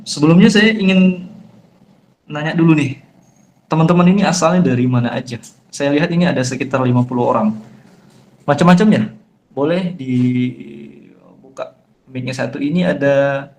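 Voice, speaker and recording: A man's voice: a little high, normal speed, creaky, pauses often, a little mellow. Sumatran-accented man giving an online lecture. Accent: Sumatran Indonesian, Palembang-tinged. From Jambi, Sumatra. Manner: chatty, addresses listeners as friends, firm emphatic tone. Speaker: ustadz leading an online study session. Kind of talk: Islamic lecture to an online group. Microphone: phone on a video call.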